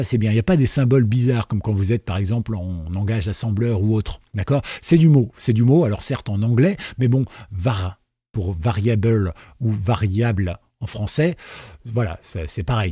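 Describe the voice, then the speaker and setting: Man, friendly programming tutor; relaxed, slightly husky voice, loose and chatty, lots of "euh", dry close sound. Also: mid-range voice, dry recording. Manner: chatty, many fillers and restarts; explains simply, checks in with listeners. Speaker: programming teacher. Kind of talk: casual spoken tutorial.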